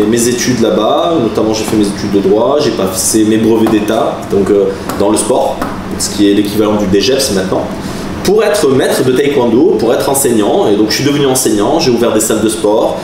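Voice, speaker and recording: Speaking at normal speed in a lowish voice, a forty-something vlogger and taekwondo master from southern France spins casual stories for the camera, chatty, laughing and animated. A camera crew shares the room, and the audio is roomy and noisy, captured from a distant mic.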